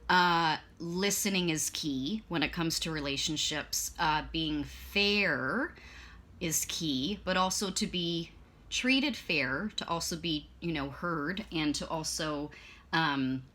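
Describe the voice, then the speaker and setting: A tarot and oracle card reader gives a relaxed, casual spoken reading, her voice lowish yet bright and punchy. She is losing her voice and keeps clearing her throat, and she speaks slowly in a chatty, meandering way, full of ums and self-corrections.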